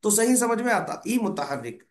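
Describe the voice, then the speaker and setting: A man's voice: high voice, sing-song, moderate pace, slight background noise. A man teaching Quran recitation rules, patiently correcting a student and explaining step by step. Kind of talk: online tutoring lesson.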